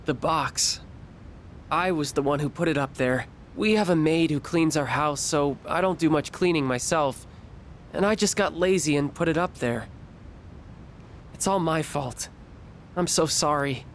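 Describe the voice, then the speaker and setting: A man's voice: a little high, a little slow, a little hiss or hum. A man voicing an earnest, caring teenage boy, a student, in a video game. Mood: earnest, remorseful. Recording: game music behind the voice.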